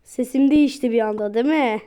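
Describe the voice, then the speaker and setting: A woman giving casual, excitable commentary while playing a mobile game, repeating her cheers over and over. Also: a little high, a little fast, clear, resonant tone.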